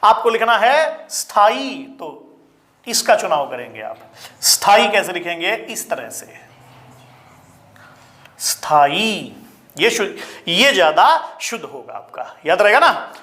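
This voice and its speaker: A man teaching a spelling lesson to exam students, repeating each word slowly and calling his listeners children. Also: sits high, very animated, bright, forceful tone. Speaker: Hindi teacher.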